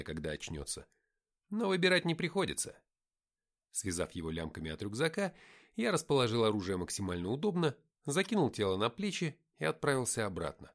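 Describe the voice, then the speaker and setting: A man narrating an action novel in the first person, reading expressively. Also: medium pitch. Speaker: audiobook narrator.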